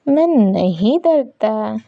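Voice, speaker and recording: A woman's voice: a little high, animated, unhurried, dry recording, muffled recording. A woman voicing a nervous young man who defensively insists he is not afraid, in a read-aloud story.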